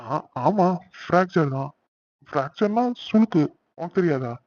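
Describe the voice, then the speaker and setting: A man voicing a young husband in an animated series, talking brusquely and dismissively and fumbling for excuses. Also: on the high side, a little slow, no room sound, muffled recording. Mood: evasive. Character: young husband, gruff and evasive.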